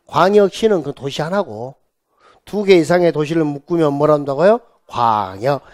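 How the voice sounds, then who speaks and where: A man teaching real estate law for an exam course. He drills students with questions and has them repeat terms back, stretching key words out slowly. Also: fairly high pitch, a little mellow. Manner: drills students with call-and-response repetition. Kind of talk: exam prep lecture.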